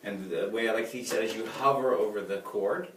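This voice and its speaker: A man teaching at the piano, explaining chords and scales in a relaxed way and counting out the notes. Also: lowish voice, brisk, slight background noise. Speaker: music teacher. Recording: roomy sound, mic at a distance. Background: piano playing.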